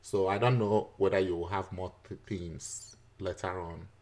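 Teacher, male, somewhat low voice, patient step-by-step tutorial delivery, chuckles and "uh" fillers. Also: steady tone, normal speed, a little mellow. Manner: chuckles often, frequent "uh" fillers. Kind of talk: screen-recorded software tutorial.

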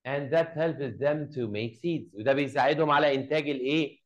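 An Egyptian man teaching English, reading a story aloud slowly, then explaining it in Arabic and quizzing his pupils. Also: medium pitch, poor audio.

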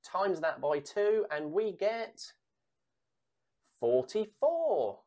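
Calling bingo for a kids' times tables game, a woman reads out sums and answers slowly in a low, mellow, sing-song voice. Her calling is measured, with pauses before each answer and repeated digits.

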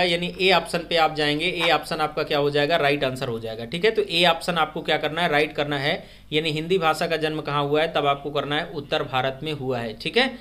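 A man teaching a live online grammar quiz, repeating each question and urging viewers to comment their answers fast. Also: on the high side, a bit bright. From India. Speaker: online exam-prep teacher. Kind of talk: live-stream Hindi grammar quiz lesson.

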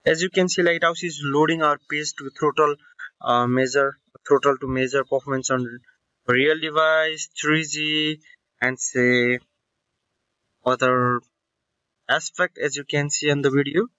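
Bright-voiced man narrating a tech tutorial. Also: a little high, fairly even intonation, measured pace, no room sound, lo-fi sound. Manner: explanatory, with fillers and self-corrections. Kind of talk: screen-recording tutorial voice-over.

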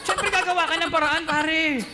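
A man's voice: very high voice, fairly even intonation, normal speed, very noisy. A man co-hosting a live-streamed talk show from the Philippines, joking and mock-questioning his guests. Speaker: co-host. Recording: loud music behind.

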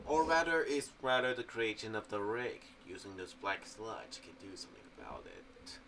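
Speaking from a small home room, a young vlogger rambles casually about a horror audio series, halting and going back over his words. His low voice is bright, animated and gravelly. The boom-arm condenser mic with pop filter sounds distant and picks up faint background noise.

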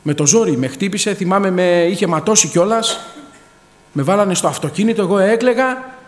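A man in his thirties speaks in a fairly high voice, giving a fervent testimony to a congregation. He keeps calling out hallelujah and addressing the brethren. His words ring out in a hall with a long echo. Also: expressive. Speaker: church member giving testimony. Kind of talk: testimony in church. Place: church hall.

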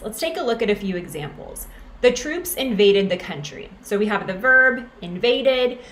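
Woman, writing instructor, clear explanatory lecture, echoey room, faint ambience. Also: medium pitch, fairly bright tone, a little hiss or hum. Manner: clear explanatory teaching, frequent "right?" checks. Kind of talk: lecture over slides. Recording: roomy echo, faint background ambience.

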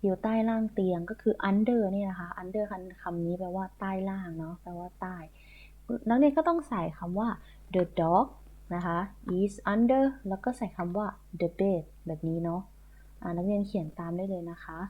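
Patient teacher on tinny audio. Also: female voice, mid-range voice, brisk. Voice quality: patient, repetitive, spells words letter by letter. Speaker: primary school English teacher. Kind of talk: recorded online lesson.

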